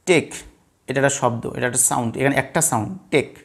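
Speaking fairly quickly, a man from Bangladesh runs a blackboard pronunciation lesson on word stress, going over rules again and again and answering his own questions to the class with patience. His medium-pitched voice has vocal fry and sounds a bit bright and slightly rough.

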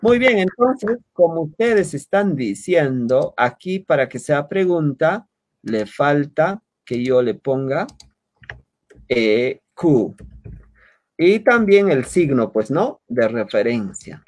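A man teaching an online language class over a video call, patiently repeating words slowly for his students. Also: a little high, very animated, darkish tone.

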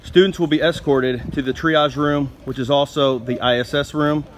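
A man's voice: on the high side, steady tone, moderate pace, slight background noise. A young man narrating a school news video as a scripted voice-over, reading instructions plainly and steadily. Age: young adult.

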